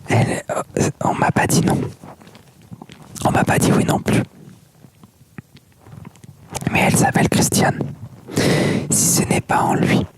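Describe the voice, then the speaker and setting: An ASMR reader whispering softly without voice, like in a library, reading a book aloud with asides. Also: measured pace, long pauses. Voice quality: unvoiced soft whisper. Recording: very noisy whisper recording with mouth clicks.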